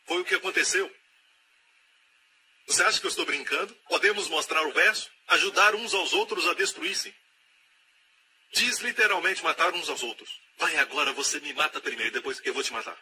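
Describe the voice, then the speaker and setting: Male preacher, sermon, very bright tone, emphatic, repetitive, faint background hiss. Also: fairly high pitch, normal speed. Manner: emphatic, repeats key phrases, acts out quoted voices.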